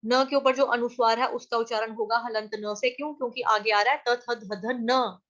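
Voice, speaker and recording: A woman teaching how to chant Sanskrit verses, chanting each line slowly and then explaining the sounds syllable by syllable in a chatty, patient way. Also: fairly high pitch, fairly even intonation, fairly bright tone, lo-fi sound. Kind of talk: online class teaching verse pronunciation.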